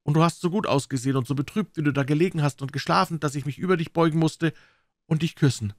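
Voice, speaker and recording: A man's voice: on the high side, quick pace, no echo, studio quality, voice pushed up, natural voice. Man doing an eager young boy. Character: boy, eager, telling a tall tale.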